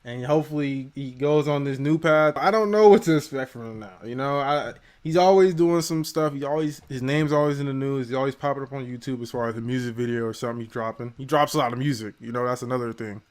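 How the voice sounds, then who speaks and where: A man co-hosting a casual music review show, talking in an animated way that swings between loud hype and quiet mumbled asides. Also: medium pitch, fast, hardly any pauses. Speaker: co-host of album review show.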